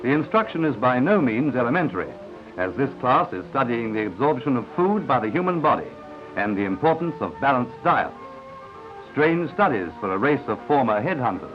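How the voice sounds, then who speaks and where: A man narrates an old newsreel in a confident announcer voice, his pitch rising and falling with lively swings. The sound is dull and lo-fi, like a 1950s newsreel soundtrack, with music playing clearly underneath. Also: brisk. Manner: confident announcer delivery with asides to the viewer.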